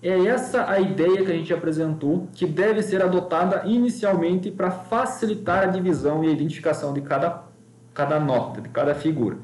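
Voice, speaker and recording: A male music teacher with a somewhat high voice walks his students patiently through note values, one step at a time. He chants short rhythm syllables to show the beat. The sound carries a clear echo from the room. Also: brisk, darkish tone. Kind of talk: recorded online music lesson. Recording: echoey room.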